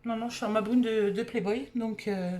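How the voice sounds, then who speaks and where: A woman's voice: fairly high pitch, fairly even intonation, normal speed, warm tone. A married woman from France, casually reviewing beauty products she bought and thinking aloud with lots of fillers. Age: adult, married. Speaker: beauty vlogger.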